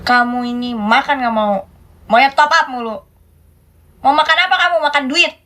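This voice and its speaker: A woman's voice: sits high, moderate pace, pushed and bright. A woman voicing a stern mother who scolds her child sarcastically. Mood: scolding.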